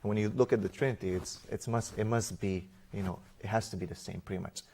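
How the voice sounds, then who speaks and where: Romanian-born male guest, lowish voice, animated storytelling with restarts. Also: quick pace. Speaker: interview guest. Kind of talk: conversational personal testimony.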